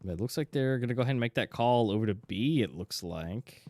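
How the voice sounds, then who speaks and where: A man's voice: medium pitch, animated, fast talker, darkish tone, no room sound. A man commentating an esports match live, casual and exclamatory, mixing reactions with conversational analysis. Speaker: esports caster.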